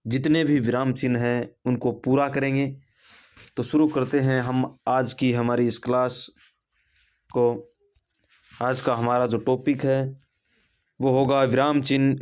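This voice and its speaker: A man gives a classroom-style grammar lesson at an unhurried pace. His voice sits at an ordinary middle pitch, and he talks his students through each point with example sentences. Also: clean tone. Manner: slow, deliberate explaining with example sentences. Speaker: Hindi grammar teacher.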